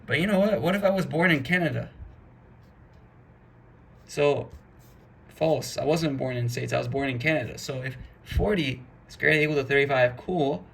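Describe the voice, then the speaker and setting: A man with a medium-pitched, creaky voice talks at a normal speed, leaving long pauses. He's a programming instructor giving a casual screen-recorded coding lesson, chatting his way through the code step by step.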